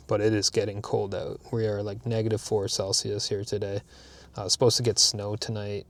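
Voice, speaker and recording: A Canadian vlogger in his thirties talks candidly from his parked car in a casual talking-head vlog, rambling with lots of fillers and restarts. His voice is lowish with a darkish tone.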